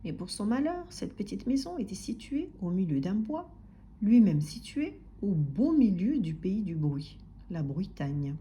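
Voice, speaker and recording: A woman narrating a children's story aloud in an expressive, soft-spoken way, sometimes dropping to a whisper. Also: mid-range voice, a little slow.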